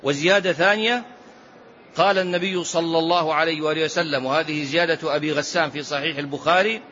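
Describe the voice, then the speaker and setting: A man's voice: on the high side, fairly even intonation, fast, pushed and bright, a little hiss or hum. A man, a sheikh, giving a classical religious lesson and explaining texts, often asking his listeners a rhetorical question. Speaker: sheikh teaching a hadith book. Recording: slightly dull lo-fi recording.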